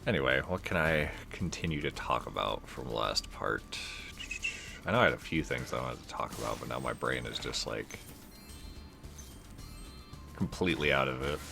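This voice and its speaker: A man's voice: rumbling low, expressive, moderate pace, gravelly, pauses often, over music. A young man giving casual, rambling, laid-back gameplay commentary as a let's play host.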